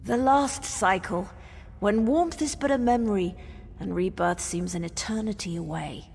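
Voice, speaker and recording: In theatrical fantasy game dialogue, a woman portrays a solemn female spirit guardian of ancient age, ceremonially posing cryptic riddles. She speaks at a moderate pace in a mid-range voice that is gravelly, slightly rough, and darkish in tone. The sound has cavernous long reverb and background noise.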